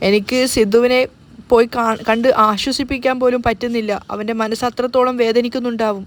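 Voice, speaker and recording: A woman's voice: fairly high pitch, fairly even intonation, fairly quick, natural voice. Woman reading as a weeping, fearful mother. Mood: grieving. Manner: tearful, pleading. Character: grieving middle-aged mother, fearful.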